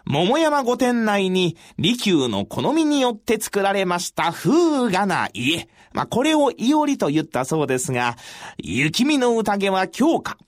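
A male storyteller giving a traditional storytelling performance in a measured, formal recitation with dramatic pauses. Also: high voice, big pitch swings, no echo, studio quality.

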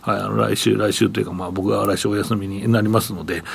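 A man's voice: on the low side, level tone, quick pace, creaky, slightly rough. A man, a regular commentator on a radio market show, rambling casually with many fillers.

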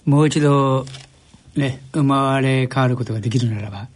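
An older man from Japan, a journalist guest on a radio interview, telling stories in a relaxed way with wry self-deprecation. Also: medium pitch, moderate pace. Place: radio studio.

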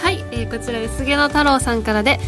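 A woman's voice: sits high, fast, over loud music. A woman on a radio show reading listener letters and the sponsor credit. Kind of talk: casual radio chat.

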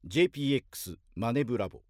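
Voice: medium pitch, lively intonation, racing, no room sound, studio quality, natural voice. A performer playing a condescending ant section chief who boasts in a sing-song way. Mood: smug. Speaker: skit character. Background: loud music.

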